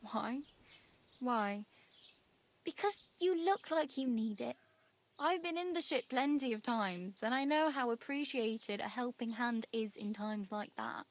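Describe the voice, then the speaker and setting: A woman's voice: a little high, animated, unhurried. An actress playing a cheerful, chatty young female wanderer in a game. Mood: friendly. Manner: friendly, chatty, laughs easily.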